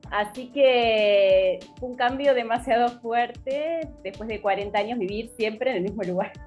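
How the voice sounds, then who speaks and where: A woman in her forties with a Buenos Aires Argentine accent, a guest on a video-call interview, explaining her experience in a steady way. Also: on the high side, unhurried, lo-fi sound, faint music behind. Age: 40s. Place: home room.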